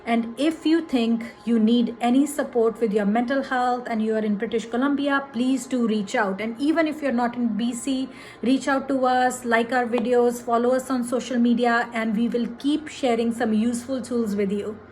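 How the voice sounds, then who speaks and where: A woman counselor leads a calm grounding exercise, explaining it to viewers in an encouraging, repetitive teaching way. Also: fairly high pitch, normal speed, a little hiss or hum. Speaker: counselor presenting a grounding technique.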